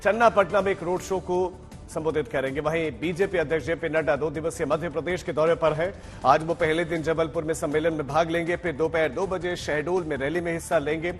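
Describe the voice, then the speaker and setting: A man's voice: a little high, steady tone, a little fast. A man working as a news anchor, reading a scripted bulletin. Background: music bed.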